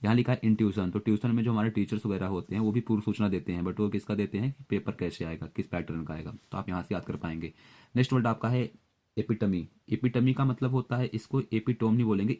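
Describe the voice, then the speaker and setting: A man teaching exam vocabulary, explaining words and memory tricks at a steady pace with frequent fillers. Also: lowish voice. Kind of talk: Hindi-English vocabulary lesson with memory tricks.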